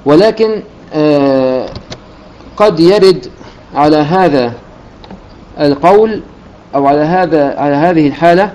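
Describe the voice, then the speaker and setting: A man's voice: on the high side, a little slow, pauses often, a little mellow, slight background noise, low-quality recording. A man teaching a religious lesson on Quran recitation rules, explaining step by step and breaking into recited verses.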